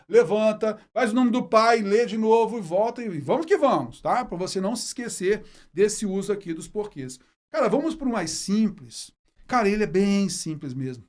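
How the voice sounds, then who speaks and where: A man teaching a grammar lesson in a folksy, chatty way, often checking in with the viewer. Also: high voice. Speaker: Portuguese teacher. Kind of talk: casual video lesson.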